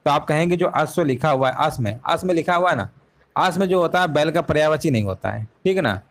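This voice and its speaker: A man's voice: on the high side, expressive, fast talker. A man teaching a live online exam-prep class, explaining each answer step by step and often repeating himself with rhetorical questions.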